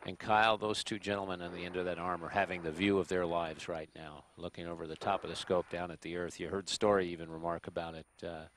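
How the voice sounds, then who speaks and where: A man with a low voice gives conversational space mission commentary at a quick pace, over faint noise. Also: flat delivery, a bit bright.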